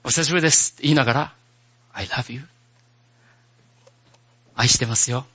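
A man preaching a sermon as pastor, in a gentle, conversational way. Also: mid-range voice, rapid-fire, muffled recording.

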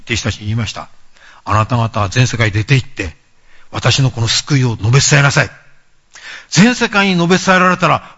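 A man giving a sermon lecture, emphatic, with frequent pauses and asides. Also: mid-range voice, gravelly, fairly bright tone, breathy edge, highs cut off. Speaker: preacher.

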